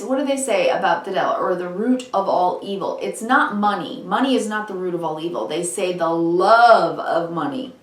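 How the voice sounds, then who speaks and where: A woman giving an unscripted mystical horoscope tarot reading, earnest and reassuring, speaking directly to the listener, with a slightly froggy throat. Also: medium pitch. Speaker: tarot reader. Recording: roomy echo, distant microphone.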